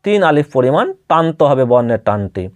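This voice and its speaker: A man's voice: medium pitch, big pitch swings, brisk, no room sound. A man teaching how to sound out Arabic letters. He speaks patiently, repeats each letter and puts questions to the listener. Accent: Bengali. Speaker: Quran reading teacher. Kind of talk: step-by-step spoken lesson.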